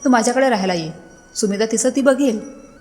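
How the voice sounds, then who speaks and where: A woman's voice: a little high, a little fast, darkish tone, faint music behind, close to an everyday voice. Woman reading as a greedy, pushy son. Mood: pressuring. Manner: pressuring, wheedling, flaring into anger. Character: greedy grown man, a pushy scheming son. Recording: long hall reverb.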